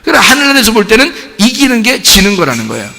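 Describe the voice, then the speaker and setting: Male pastor, high animated voice all over the place, echoey church hall. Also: quick pace, creaky. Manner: lively, playful, acts out cheering crowds. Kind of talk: sermon. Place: church sanctuary. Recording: church hall with long reverb.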